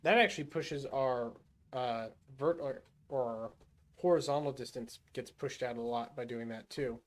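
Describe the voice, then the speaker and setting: A man with a mid-range voice livestreams a rocket game in an unhurried way. He thinks out loud through each move, and his casual commentary drifts into self-muttering, fillers and restarts.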